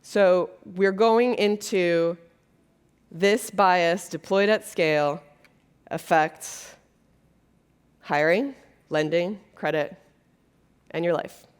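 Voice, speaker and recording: A woman from Brazil delivers a keynote on a conference stage to an audience, speaking extremely slowly with long pauses. Her lowish voice is smooth, and her talk is earnest and conversational with plenty of fillers.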